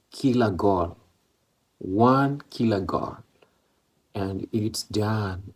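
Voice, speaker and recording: With a fairly low, slightly mellow voice that's gravelly and husky, this football vlogger from East Africa talks casually about a match. His first language is Swahili or Maloko, and English is his second. His speech wanders, full of fillers and repeats.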